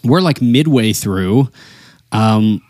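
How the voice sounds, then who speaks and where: A man hosting a casual podcast in a folksy way, often pausing to think aloud as he talks to listeners. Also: lowish voice, animated, darkish tone, dry recording, studio quality. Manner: folksy, addresses listeners as y'all. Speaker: podcast host; wedding and portrait photographer.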